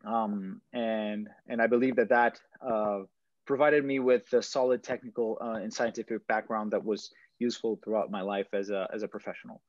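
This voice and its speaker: A startup founder in his thirties from Brazil gives a hesitant video-call presentation at home, stone wall behind, with frequent fillers and restarts. He has a lowish voice, a steady tone, and a normal speed. His webcam audio is dull and lo-fi, with no echo.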